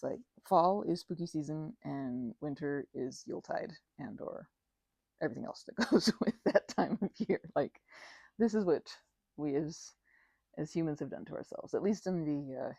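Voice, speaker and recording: A woman with a mellow, mid-range voice talks as a best friend in a casual ASMR roleplay. She's informal and conversational, rambling along and frequently stopping herself partway through a thought. The sound has no echo.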